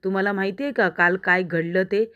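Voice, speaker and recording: A woman reading the lines of a sharp-tongued young wife who scolds her husband with pointed questions, in a story recap. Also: mid-range voice, fairly even intonation, clear, resonant tone, dull audio, close to an everyday voice. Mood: reproachful. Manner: reproachful, rapid-fire questions.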